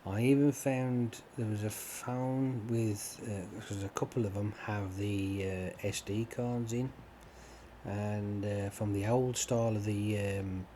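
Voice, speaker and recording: A man with a fairly low voice rambles in a relaxed way while he plays, full of ums and offhand swearing. A steady noise hums under his talk throughout the recording. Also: slow. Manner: meandering, swears casually, many fillers. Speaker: gaming channel host. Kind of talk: rambling chat over gameplay.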